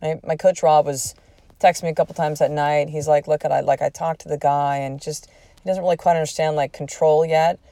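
Recorded dry, a woman with a low-pitched voice speaks fairly quickly as she hosts a podcast. In her forties, she tells a personal story frankly and profanely, playing out the dialogue of the people involved with lively quoted speech.

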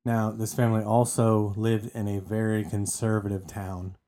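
A man co-hosts a casual true-crime podcast and tells the story, chatty and often repeating words as he restarts. His voice is lowish and warm, with a flat delivery at a moderate pace.

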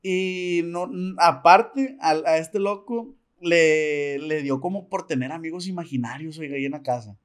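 A man with a Mexican accent tells a story as a guest in a relaxed chat. He talks in loose street slang and acts out every line of dialogue. His voice sits a little high for a man. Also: unhurried, hardly any pauses, smooth. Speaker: podcast guest. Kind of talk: casual storytelling.

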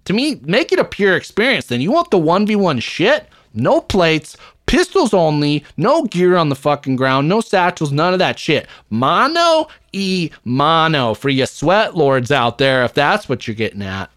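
A man's voice: a little high, very animated, unhurried, hardly any pauses, fairly bright tone, dry recording. Blunt, profane man on a dry mic. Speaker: podcast co-host. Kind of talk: casual gaming podcast chat.

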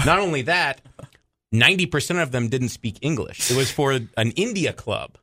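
A man, a comedian and magician guest, relaxed and telling stories in a casual radio chat. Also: medium pitch, normal speed. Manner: relaxed, storytelling, filler-heavy.

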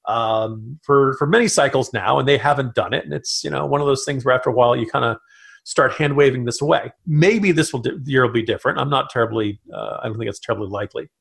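Gravelly man talking politics fast. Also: medium pitch, a bit bright. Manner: rapid, analytical, with frequent restarts. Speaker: political commentator guest. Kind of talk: casual political chat.

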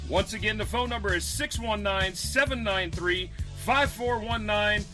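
A man's voice: high-pitched, a little slow. A man announcing a scripted radio advert, addressing the listeners directly. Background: music.

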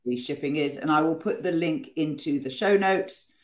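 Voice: mid-range voice, normal speed. A podcast host leading a casual interview in a friendly, chatty way, stumbling over words now and then.

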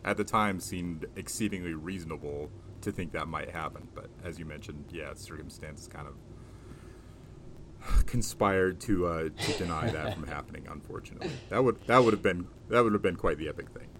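A man hosting a sports podcast in a conversational way, with measured, wordy phrasing. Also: deep voice, background noise. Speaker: podcast host and sports reporter.

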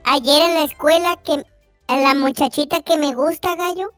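A man voicing a naive little chick schoolboy on a radio show, speaking in a high, childlike voice. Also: normal speed, fairly bright tone, no echo, faint music behind. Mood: storytelling. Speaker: comic sidekick character.

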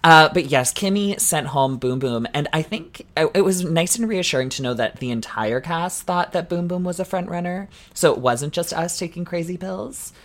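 A woman's voice: on the low side, expressive, moderate pace, hardly any pauses. A woman co-hosting a podcast in casual chat, giggly and candid, often trailing off with "like" and "I don't know". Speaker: podcast co-host.

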